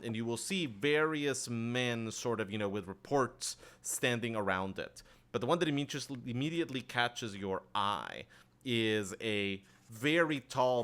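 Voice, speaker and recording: Relaxed man running a tabletop game. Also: fairly low pitch. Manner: relaxed, rambling, many fillers. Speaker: game master.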